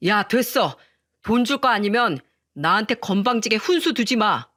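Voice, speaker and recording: Entitled middle-aged son, whiny and demanding, as the narrator puts him on, plain dry read. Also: female voice, mid-range voice, animated, normal speed, a bit bright, no echo. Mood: curt.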